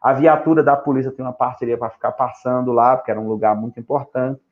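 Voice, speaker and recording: A middle-aged man preaching as a pastor, emphatic, firing rhetorical questions and acting out children and parents in quick asides. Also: medium pitch, steady tone, narrow, tinny audio. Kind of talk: pastoral teaching in a live stream.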